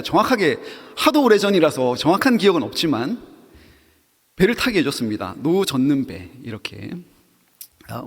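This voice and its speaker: A man's voice: a little high, long reverb tail. A man preaching a sermon to young adults, telling a story with acted quotes and questions to the audience. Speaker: pastor.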